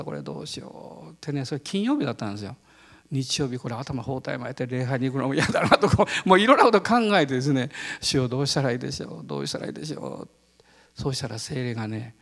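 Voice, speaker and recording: Animated man preaching in a reverberant hall. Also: fairly high pitch, gravelly. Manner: animated storytelling with frequent laughter. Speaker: pastor. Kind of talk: sermon with a personal story.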